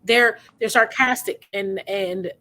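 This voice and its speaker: An American woman co-hosting a podcast, chatty and quick, often laughing through her words. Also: medium pitch, pushed and bright. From United States. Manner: chatty, quick bursts, laughs while talking. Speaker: podcast co-host. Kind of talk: casual chat.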